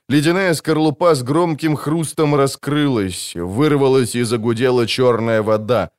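A man narrating an audiobook in a steady, dramatic storytelling manner. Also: mid-range voice, no room sound, studio quality.

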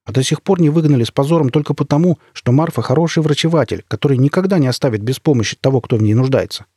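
A man's voice: medium pitch, quick pace, warm tone, breathy edge, dry recording, clean studio sound, natural voice. A man voicing an eager young male villager who rides a motorbike, speaking in a raised, urgent way.

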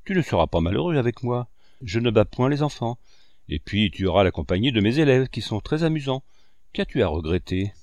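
A man's voice: mid-range voice, sing-song, brisk, darkish tone, no echo. A man reading the lines of a stern but fair old male street showman, firm and businesslike. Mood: calm.

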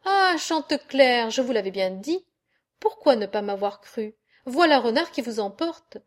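Fretting hen, woman reads her, plaintive and high, slow. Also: animated. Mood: reproachful. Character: anxious devoted hen. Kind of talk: audiobook tale reading.

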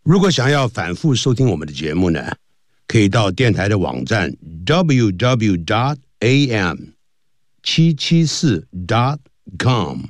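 A man's voice: on the low side, big pitch swings, a little slow, no room sound, clean studio sound. A male radio announcer reading out broadcast times, frequencies and the station's website. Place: radio studio.

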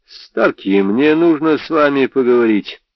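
A man's voice: medium pitch, animated, unhurried, no room sound, voice pushed up. A man doing a scornful tough-guy detective. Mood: commanding. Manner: sneering, goading delivery. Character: cocky male private eye, brash and scornful. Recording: dry, slightly dull audio.

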